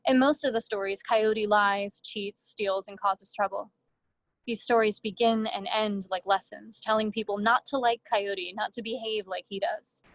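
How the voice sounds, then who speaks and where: A woman reading her own first-person fiction aloud in a measured way, with brief casual asides to the audience. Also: mid-range voice, steady tone, dry recording. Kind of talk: literary reading.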